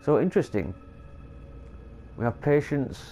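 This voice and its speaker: A man congested with a cold gives casual let's play commentary on a horror game, stumbling over long words as he reads notes aloud. His medium-pitched voice swings widely in pitch, with an unhurried pace and a dark tone. Soft music plays in the background.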